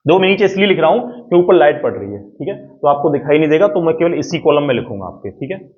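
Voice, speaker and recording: A man's voice: on the high side, sing-song, fast talker. Man teaching a Hindi lesson over tinny audio. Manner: explains step by step, keeps checking if students follow. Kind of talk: exam-prep grammar lesson at a board.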